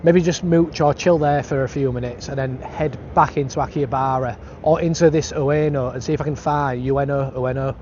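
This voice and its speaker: A man's voice: medium pitch, fairly even intonation, moderate pace, few pauses, a little mellow. A British man chatting casually to his travel vlog outdoors, with laddish, slangy phrasing. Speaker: travel vlogger. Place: outdoors in city streets and park. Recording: dull lo-fi outdoor sound, street noise.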